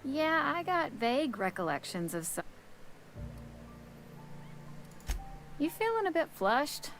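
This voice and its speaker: A woman's voice: high voice, big pitch swings, normal speed, fairly bright tone, soft background music, full character voice. An actress voicing a brusque, wary woman bartender from a company frontier town in a video game, with a sassy, curt and dismissive manner. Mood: irritated. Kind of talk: video game character dialogue.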